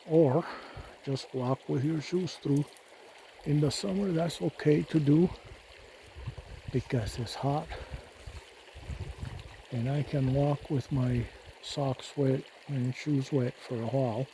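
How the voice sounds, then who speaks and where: Male hiking vlogger, plain-spoken and unscripted, soft dark tone, faint stream noise behind him. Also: mid-range voice, rough recording. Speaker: hiker narrating a trail vlog. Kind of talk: unscripted outdoor vlog explanation. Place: outdoors beside a river in winter. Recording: outdoor recording with rushing river water. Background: running water of a stream.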